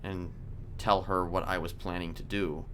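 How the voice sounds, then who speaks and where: A roleplay streamer improvises in character during a game, voicing a soft-spoken, sinister male criminal manipulator who calmly confesses. He speaks haltingly and deliberately in formal words, measured and confessional, his low-pitched voice close to an everyday one, with background noise.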